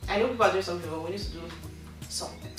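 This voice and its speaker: A woman's voice: lowish voice, rapid-fire. A woman with a Nigerian accent, hosting a casual interview for her channel and putting questions to a guest. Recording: very echoey room, distant mic, faint music.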